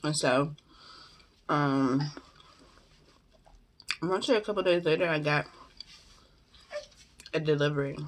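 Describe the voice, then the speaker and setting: A woman's voice: sits low, slow, long pauses, slight background noise. A woman chatting casually through storytime, talking with her mouth full as she eats and using informal, slangy phrasing. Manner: informal slangy storytelling, acting out quoted dialogue. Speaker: vlogger telling personal stories. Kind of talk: casual storytime mukbang chat.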